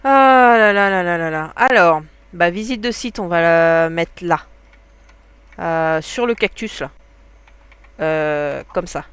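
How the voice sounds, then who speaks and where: A woman's voice: fairly low pitch, takes it slowly, a bit bright, smooth, no room sound. A woman with a stuffy nose giving casual, chatty commentary while gaming, often laughing. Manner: chatty, laughs often, talks to her dogs. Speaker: gaming streamer.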